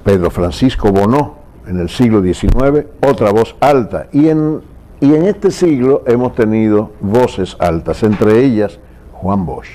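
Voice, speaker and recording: A man hosting a political TV interview, speaking in a reflective, measured way. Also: fairly low pitch, mellow. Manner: reflective, measured, asks long questions.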